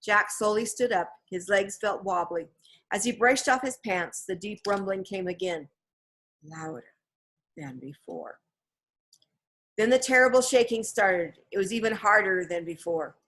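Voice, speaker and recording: Narrating a children's novel, this storybook reader uses a mid-range voice. The read-aloud is scripted, paced with care and full of expression.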